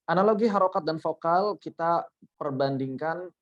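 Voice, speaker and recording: A man's voice: a little high, moderate pace, dull audio. A man teaching Quran recitation in an online workshop, patiently explaining with repeated examples.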